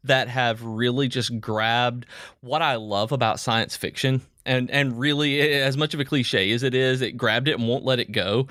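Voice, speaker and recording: A man's voice: medium pitch, fairly even intonation, normal speed, bright, forceful tone, no echo, clean studio sound. A man co-hosting a podcast, chatting casually and enthusiastically, rambling with restarts. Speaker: podcast co-host. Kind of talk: casual chat.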